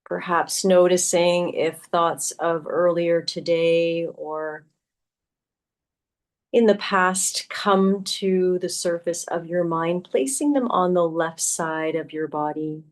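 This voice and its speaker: This is a yoga teacher, a woman, talking listeners through a meditation in a soothing manner. Her pitch is lowish, and she leaves lengthy gaps between gently instructive phrases.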